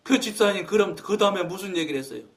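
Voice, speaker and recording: A man's voice: sits high, expressive, quick pace. A man voicing a senior male pastor who speaks in a polite, formal, hesitant way.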